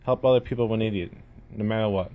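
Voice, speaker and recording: A man's voice: fairly low pitch, warm tone. A man with a lisp that draws out his S sounds and slurs slightly, giving a rambling, self-effacing, casual gaming vlog to camera at home. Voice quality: lisp with drawn-out, slurred S sounds. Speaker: gaming YouTuber introducing himself. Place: indoors at home. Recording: noticeable room noise.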